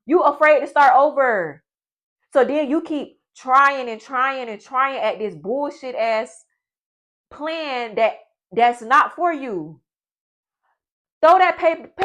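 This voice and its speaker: A young woman in her late twenties delivers a preachy, profane motivational talk straight to her viewers. Her voice sits a little high for a woman, and her manner is blunt and forceful. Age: 20s. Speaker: vlogger.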